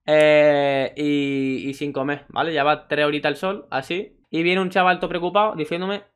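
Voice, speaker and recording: A man's voice: on the high side, normal speed, clean tone. A young man with a Spain Spanish accent, casually telling funny anecdotes and acting out the voices of people in them. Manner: jokey, animated, acts out voices in the story. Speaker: streamer and YouTuber.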